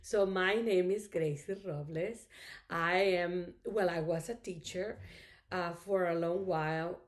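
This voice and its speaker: A middle-aged craft vlogger, a native Spanish speaker, chats casually to her viewers. Her voice sits on the low side and moves at a slow pace. She rambles in a grateful way, sprinkling in plenty of "you know"s.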